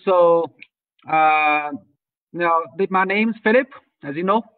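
A man's voice: fairly high pitch, slow pace, dry recording, far from the mic. A man from Tibet giving an online lecture on birding tours, hesitant, with many fillers and restarts, heard over a video call. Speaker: guest speaker on birding tours. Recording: tinny video call audio, set back from the mic.

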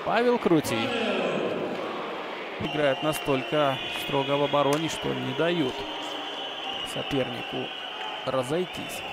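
A man commentating live on ice hockey, with excited goal calls. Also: a little high, slow pace, creaky, pauses often. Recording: very noisy arena, loud background ambience.

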